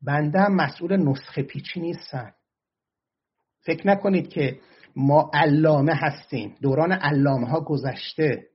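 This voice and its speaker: A man's voice: a little high, slightly rough, highs cut off. A man giving argumentative political commentary and answering audience questions, often turning heated and emphatic.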